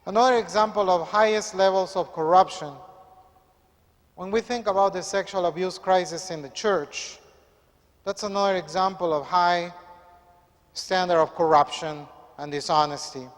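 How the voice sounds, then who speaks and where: A priest, reading the Gospel and preaching in a measured, earnest way. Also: male voice, high voice. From Peru. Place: church. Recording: echoey church hall.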